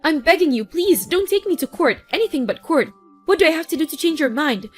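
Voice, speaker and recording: A woman's voice: high-pitched, animated, fairly quick, faint music behind. A woman voicing a desperate, abusive sister-in-law who pleads and begs in a scripted story. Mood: begging. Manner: pleading, begging.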